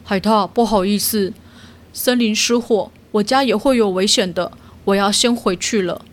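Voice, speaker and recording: A woman voicing a sensible, gentle owl who speaks in a calm, earnest way in a children's storybook. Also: medium pitch, moderate pace, close to an everyday voice.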